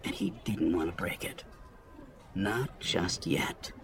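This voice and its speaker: A man narrating a story as an audiobook reader, in an expressive storytelling manner. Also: deep voice, slow pace, a little hiss or hum. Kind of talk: scripted narration.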